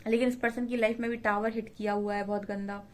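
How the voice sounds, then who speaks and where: A woman's voice: medium pitch, level tone, fast. A woman giving a conversational tarot reading, explaining the cards to her viewers. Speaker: tarot reader.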